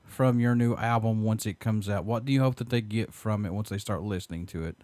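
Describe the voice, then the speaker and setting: A man's voice: fairly low pitch, fairly quick, darkish tone, dry recording. Upbeat male interview host, dry sound. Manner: upbeat, reading out prepared questions. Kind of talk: interview show hosting.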